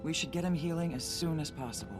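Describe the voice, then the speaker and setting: A woman's voice: low voice, expressive, fast. A woman voicing a weary soldier in a video game, with music behind her. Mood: weary, surprised. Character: weary female soldier back from tracking.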